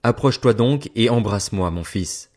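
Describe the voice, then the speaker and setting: Old patriarch, solemn and grave, read by a man in a lowish voice. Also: animated, moderate pace, darkish tone. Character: old blind father, frail and solemn.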